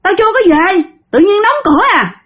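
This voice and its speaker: Woman doing eerie older woman ghost, gruff scolding, high voice, spoken horror tale. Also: sing-song, brisk, fairly bright tone, exaggerated voice. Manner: scolding, rough familiar address.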